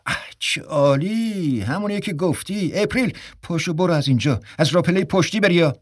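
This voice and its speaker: A man's voice: a little high, expressive, no echo, voice pushed up. Exasperated sarcastic man read by a male narrator: grumbling, exclaiming, dry audiobook read. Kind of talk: audiobook character reading.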